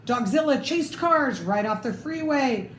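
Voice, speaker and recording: With a high-pitched voice, lively intonation, and a slightly slow pace, a woman reads aloud from a children's storybook, full of expression and small asides to her listener. Roomy echo and clear background noise are present.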